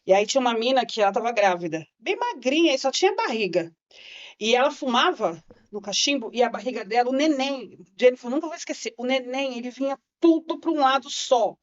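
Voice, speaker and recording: A woman's voice: on the high side, expressive, fairly quick. São woman telling her story vividly. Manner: vivid storyteller, acts out quoted voices. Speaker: podcast guest. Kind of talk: personal testimony in a podcast interview. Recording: slightly muffled podcast audio.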